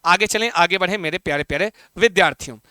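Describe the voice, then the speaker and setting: Bright-voiced, high-pitched male teacher. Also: fast talker, clear, resonant tone, dry recording, clean studio sound. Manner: chatty, repeats key points and quizzes students. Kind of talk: live online class.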